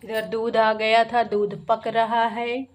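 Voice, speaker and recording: A middle-aged woman vlogs from home, talking slowly in a fairly high, level voice. She chats casually with viewers as though they were friends, first while walking outdoors and then from her kitchen.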